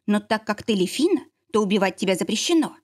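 A woman voicing a stern, outraged werewolf mother who accuses and shouts, in an audiobook reading. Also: medium pitch, expressive, quick pace, close to an everyday voice. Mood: cold.

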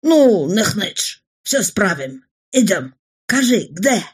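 A woman's voice: mid-range voice, sing-song, takes it slowly, husky, exaggerated voice. A woman voicing a fearless, jovial adult mountaineer who speaks in broken phrases. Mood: brisk. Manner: broken speech, bold and jovial. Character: boisterous adult male mountaineer, barber, fearless.

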